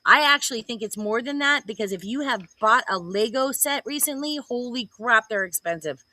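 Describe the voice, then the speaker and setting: Lady host reading wacky headlines on a video call, bright higher voice, super dry sound, sarcastic and chatty. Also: lively intonation, dry recording, poor audio. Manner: chatty, sarcastic, quick to joke. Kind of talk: comedic news roundup chat.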